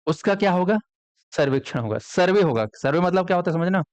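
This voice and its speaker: Male coaching teacher, slightly high voice, dry close sound, quizzing the class as he goes. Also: animated, fast, dry recording. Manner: quizzes students with frequent call-and-response questions. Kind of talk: classroom lecture.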